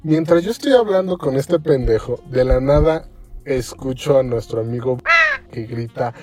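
A man's voice: medium pitch, normal speed, soft background music. A young man with a Mexican Spanish accent, telling a story in a casual podcast chat, acting out the quotes in it with lots of slang. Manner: animated, acts out quotes, heavy slang.

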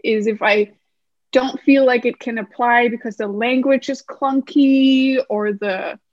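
Guest, woman from Denmark, fairly high voice, thoughtful explainer; dull lo-fi audio. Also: steady tone, a little slow, no echo. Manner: thoughtful, explanatory, many fillers. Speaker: podcast guest, numerologist. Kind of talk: podcast interview.

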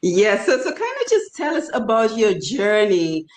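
Interview host: woman, medium-pitched, conversational, with noticeable room echo. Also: wildly swooping pitch, unhurried, darkish tone. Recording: roomy, echoing sound.

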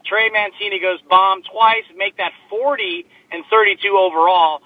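A man co-hosting a casual sports chat over a low quality remote stream from a laptop in his car, talking in a joking, chatty way with plenty of filler words. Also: moderate pace, no room sound, narrow, tinny audio. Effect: low quality remote stream audio. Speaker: sports podcast co-host. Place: inside a parked car. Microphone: laptop microphone.

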